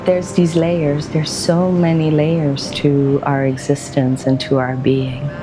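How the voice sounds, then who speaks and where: A woman in her forties from Belgium, a wellbeing practitioner speaking slowly and gently in a reflective documentary voice-over, with pauses between thoughts. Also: sits low, little pitch movement. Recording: voice-over with music underneath. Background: music.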